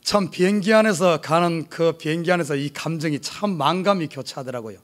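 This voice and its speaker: A man's voice: on the high side, a little fast. A middle-aged man from South Korea with a Gyeongsang accent, a pastor telling a humorous personal story in a sermon at church. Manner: storytelling with humor, lively and animated. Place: church sanctuary.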